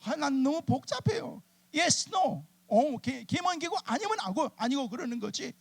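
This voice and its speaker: A middle-aged male pastor telling chatty, animated stories in a sermon and acting out his church members' lines. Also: very high voice, moderate pace, creaky. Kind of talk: humorous storytelling sermon. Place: church sanctuary at a summer revival meeting.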